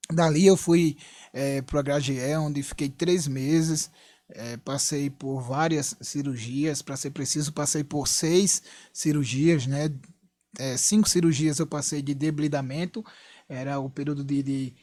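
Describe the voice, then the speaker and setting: A man's voice: fairly high pitch, fairly even intonation, a little slow, darkish tone, no echo. A young Brazilian man earnestly telling a personal testimony in church, retelling events with frequent asides. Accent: Brazilian Portuguese. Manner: earnest, repetitive storytelling with frequent "né?". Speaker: church member giving testimony.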